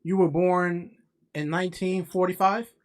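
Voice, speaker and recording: A man hosting a podcast, asking short questions in an unhurried way. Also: sits high, fairly even intonation. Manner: unhurried, brief questions and affirmations. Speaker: podcast host. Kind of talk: casual podcast interview.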